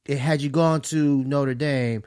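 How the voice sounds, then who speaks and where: Calm advice-giving podcast man, dry sound. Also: mid-range voice, unhurried, clear, resonant tone, no echo. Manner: calm, reasoning advice with "you know what I'm saying". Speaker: podcast co-host.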